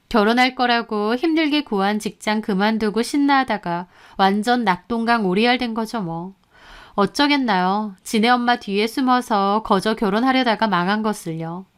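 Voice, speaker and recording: Smooth-voiced woman narrating a story. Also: mid-range voice. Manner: calm, matter-of-fact, first-person telling. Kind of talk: scripted narration of a reader's story.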